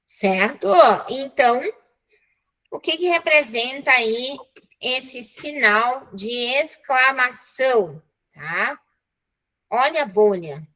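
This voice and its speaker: Bright, high-voiced Brazilian teacher. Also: female voice, animated, slow, rough recording. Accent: Brazilian Portuguese. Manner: chatty, encouraging, with frequent "né?" and "tá?" checks. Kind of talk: live online class.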